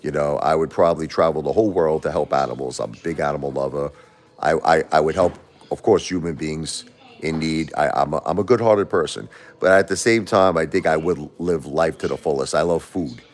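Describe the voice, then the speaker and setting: With a rumbling low voice and a slightly fast delivery, a Brooklyn, New York livestream host talks from home. He's blunt and repetitive as he responds to viewers and pushes back at critics.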